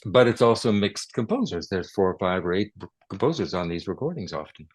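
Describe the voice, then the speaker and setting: An older man speaks in a low register, captured dry and close with almost no room sound. He chats easily as an interview guest, chuckling and correcting himself as he tells stories about his recording work. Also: lively intonation, fairly quick, husky, no echo. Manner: chatty storyteller, chuckles, self-corrects. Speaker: guest, guitarist and recording producer. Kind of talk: relaxed interview conversation. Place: his home.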